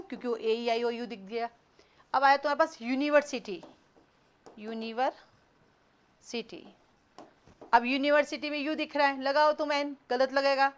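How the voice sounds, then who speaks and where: A woman teaching an online class, quizzing students, brisk and scolding, mixing in English words. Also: sits high. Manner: mixes Hindi with English words.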